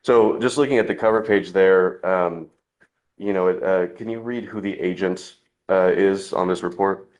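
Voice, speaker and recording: A man speaking as a defense lawyer in a courtroom recording, halting and restarting his phrases. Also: sits low, a little mellow. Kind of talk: courtroom argument and questioning, courtroom recording.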